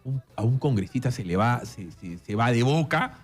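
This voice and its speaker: A Peruvian man, an interview guest, telling stories in an emphatic, animated way about politics. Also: medium pitch, moderate pace, soft background music. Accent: Peruvian Spanish. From Peru. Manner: emphatic, storytelling.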